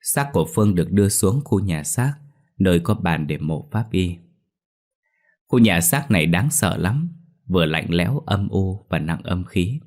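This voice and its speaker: Deep-voiced man narrating a ghost story. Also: expressive, measured pace, a little mellow.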